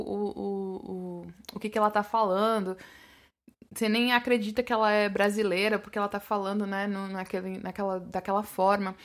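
A Brazilian woman whose accent mixes São Paulo, Sergipe and Minas. She teaches English in a casual, rambling monologue and often restarts her sentences. Her voice sits a little high. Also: a bit bright. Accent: Brazilian Portuguese, mixed São Paulo, Sergipe and Minas. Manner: chatty, full of restarts and fillers.

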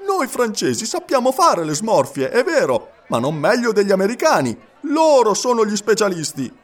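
A man voicing a cheerful young French manservant who talks in excited exclamations. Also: very high-pitched, moderate pace, voice pushed up. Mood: indignant.

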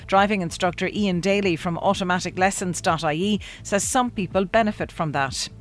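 An Irish woman presenting a local news podcast, reading the bulletin in a steady, clear way. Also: fairly low pitch, fairly quick, soft background music.

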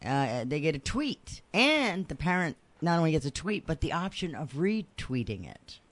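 A man's voice: on the high side, sing-song, normal speed, a bit bright, no room sound. A man hosting a casual radio talk show, joking and laughing as he describes apps. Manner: jokey, laughs while talking. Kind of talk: casual studio chat.

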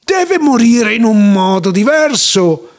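Man playing a dim-witted village sage, earnest, puzzled, high and lively. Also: slow pace, heavily acted.

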